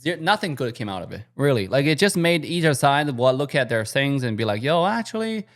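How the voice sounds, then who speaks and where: A man from China hosts blunt, casual reaction commentary in English with slightly non-native phrasing. He's animated, speaking briskly at a medium pitch.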